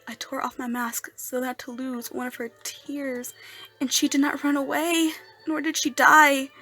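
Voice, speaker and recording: A woman acts out a dying, lovesick outcast in a dramatic monologue set to music. The voice is fairly high and sharply bright, with breathy, halting phrasing. It swings between hushed murmurs and raw emotional outbursts, full of anguish. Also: flat delivery. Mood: tearful, overwhelmed. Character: lovesick, anguished, masked outcast man near death.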